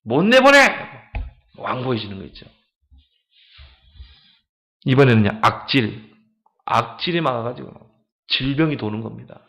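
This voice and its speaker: A man preaching a sermon as a pastor in church, animated, asking the congregation questions. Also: medium pitch, normal speed, gravelly, pauses often.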